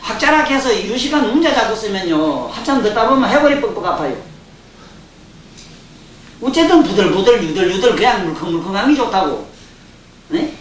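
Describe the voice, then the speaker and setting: An older man's voice sits high and is very animated, at normal speed but with long pauses, as he gives a Buddhist dharma lecture in Gyeongsang dialect. He keeps it folksy and joking, often questioning the audience. The lecture hall is roomy, the mic distant, and a faint hiss runs underneath.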